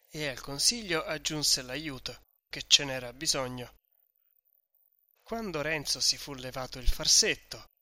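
A man narrating a classic novel in a slow, deliberate storytelling manner. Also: mid-range voice, sharp tone, dry recording. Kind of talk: audiobook reading of a classic novel.

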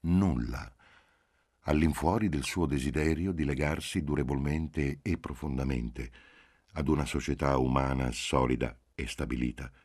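A man reading a novel aloud as an audiobook, in a measured, even-paced way, softening his voice for the dialogue. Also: very deep voice, breathy edge, dry recording, clean studio sound. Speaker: audiobook reader. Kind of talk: literary audiobook narration.

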